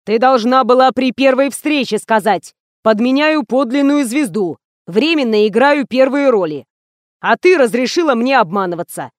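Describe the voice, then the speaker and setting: A woman voicing a cold, contemptuous rich man in an audiobook, scolding loudly. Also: on the high side, expressive, dry recording, studio quality, lightly acted. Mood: furious. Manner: loud, slow, scornful ranting.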